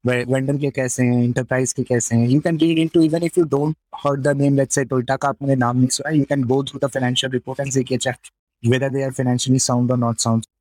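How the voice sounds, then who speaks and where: A man's voice: medium pitch, a little mellow, no room sound, low-quality recording. A man with a North Indian accent explaining conversationally in an interview, switching between two languages and often checking in with a tag question. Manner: often tags statements with a questioning "right?". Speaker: fintech company representative being interviewed. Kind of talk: conversational product explanation, mixing English and Hindi.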